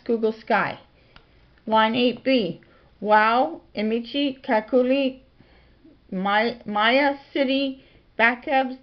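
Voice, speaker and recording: A woman blogger talking quietly in a casual home vlog, reading out lists of titles and dates from her home office. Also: on the high side. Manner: soft-spoken, quiet delivery. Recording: dull lo-fi home recording.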